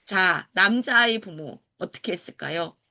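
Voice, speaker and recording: This bright, animated woman gives a lecture to parents in a lowish voice at a normal speed. She acts out quoted teachers and children in lively voices, and she asks the audience questions and then answers them herself.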